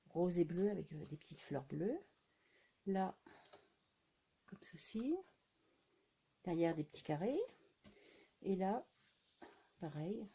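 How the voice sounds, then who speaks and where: A woman with a soft, mellow voice chats casually through a haul of craft supplies. She talks at an easy, unhurried pace and fills her sentences with little hesitations and tag words. Her voice is warm and relaxed, never sharp. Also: lowish voice, slightly rough. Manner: chatty, many fillers and "hein" tags. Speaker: scrapbooking vlogger. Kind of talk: casual haul show-and-tell.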